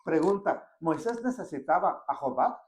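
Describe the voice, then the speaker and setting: A Bible teacher leads a verse-by-verse study. The voice moves lively up and down as it asks listeners questions and reads verses aloud slowly. The room adds a clear echo. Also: mid-range voice. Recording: echoey room.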